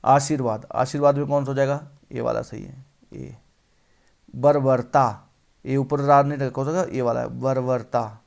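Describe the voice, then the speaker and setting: A male tutor works through exam questions on correct spelling. His voice is gravelly and sits at an ordinary mid pitch. He keeps repeating each word and asking the viewer what it should be. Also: steady tone, normal speed, a little mellow. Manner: repeats words and quizzes the viewer. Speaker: teacher. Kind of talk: exam-prep lesson on spelling.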